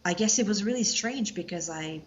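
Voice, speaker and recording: A woman's voice: mid-range voice, normal speed, lo-fi sound. A woman from Quebec with a Quebec French accent, chatting casually as a podcast guest, hesitant and searching for words. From Quebec, Canada. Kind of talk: casual interview chat.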